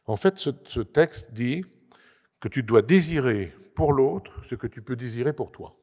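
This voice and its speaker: A man's voice: medium pitch, animated, measured pace, darkish tone. A man giving an explanatory talk at a conference panel, emphatic, with frequent hesitations and restarts. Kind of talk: lecture-style talk to an audience. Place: assembly hall. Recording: long reverb of a large hall.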